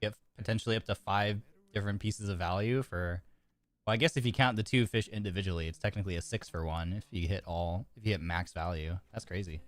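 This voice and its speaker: Talking fast in a lowish voice, a man chats his way through a card game stream, reading cards aloud and often restarting or filling gaps. A sore throat leaves him a little congested.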